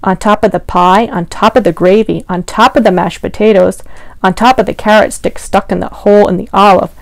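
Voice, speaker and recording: A woman librarian reading a picture book aloud to young children in a sing-song, animated way, stopping to ask them questions. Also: mid-range voice, a little fast, gravelly, no echo. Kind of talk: storytime read-aloud.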